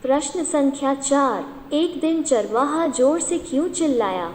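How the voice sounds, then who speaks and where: A high-voiced Indian woman teacher reads questions aloud at a slow, deliberate dictation pace, saying each one more than once. Her voice rings with a long, echoey reverb, as if recorded in a large hard-walled room. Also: a little mellow. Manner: slow, repeats each question several times.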